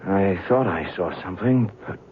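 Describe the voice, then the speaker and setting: In an old-time radio drama, a male actor with a deep voice plays a young, skeptical newspaper writer who is chatty and curious. Lightly acted at normal speed, he sounds curious and flustered, hesitating and stammering through dialogue and first-person narration. The recording is tinny and band-limited, with faint noise.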